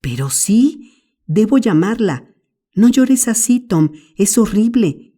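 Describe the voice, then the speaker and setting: A woman's voice: mid-range voice, big pitch swings, slow pace, mellow, breathy edge, pitched above the performer's own voice, heavily acted. A woman voicing an anxious young boy, urgent and pleading, in an audiobook.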